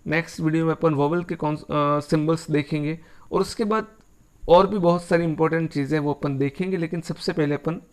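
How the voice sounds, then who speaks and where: A man with an Indian accent teaching a phonetics lesson, repeating points patiently and mixing English words into his explanations. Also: on the high side. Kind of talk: classroom-style lesson.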